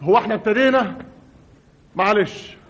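A man's voice: high voice, moderate pace, highs cut off. A man narrating a comic monologue in an exasperated, mock-dramatic way on an old radio recording.

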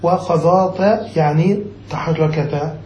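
A man's voice: a little high, measured pace, a little mellow, roomy sound, a little hiss or hum, low-quality recording. A man, a sheikh, teaching a classical grammar text, reading a passage and then explaining it, often checking whether his students follow.

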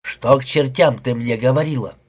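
A furious, jealous young husband in an audiobook, sneering and explosive, as a male reader puts him on. The voice is husky and rough, with an even middle pitch. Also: moderate pace, close to an everyday voice.

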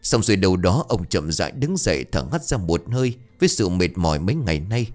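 A man narrates a ghost story with dramatic expression. His voice is low but moves widely in pitch. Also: very animated, brisk, a little mellow, faint music behind.

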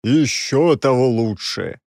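A man voicing an exasperated six-armed male demon who scolds loudly and sarcastically, in a dry, close recording. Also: medium pitch, slow, gravelly, dry recording.

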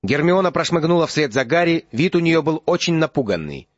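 A man's voice: fairly high pitch, very animated, fairly quick, no room sound. Man narrating an audiobook, dry dull sound. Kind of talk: scripted narration.

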